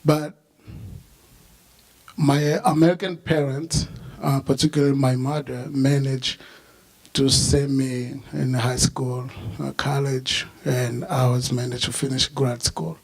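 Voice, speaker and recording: A young man from the Congo, not a native English speaker, giving a halting personal remembrance at a memorial service with many fillers. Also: medium pitch, flat delivery, gravelly, husky, low-quality recording. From Democratic Republic of the Congo.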